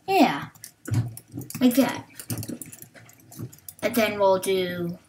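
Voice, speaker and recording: A woman hosting a gaming video, talking slowly and hesitantly through what she is doing, with many fillers. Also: mid-range voice, darkish tone, slight background noise. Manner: hesitant, thinking aloud with fillers. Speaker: gaming channel host. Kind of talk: Let's Play commentary.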